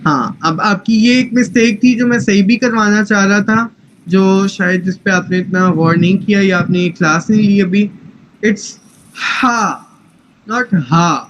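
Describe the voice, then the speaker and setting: A man's voice: high-pitched, fairly even intonation, echoey room, slight background noise, low-quality recording. A man teaching tajweed in an online class, patient and corrective, mixing English phrases into his speech. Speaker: Quran recitation teacher.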